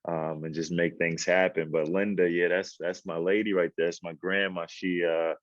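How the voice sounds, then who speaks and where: A man's voice: sits low, little pitch movement, normal speed, no room sound, lo-fi sound. A man from Queens, a podcast guest telling his story in a laid-back, streetwise way. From Queens, New York. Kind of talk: casual conversational interview.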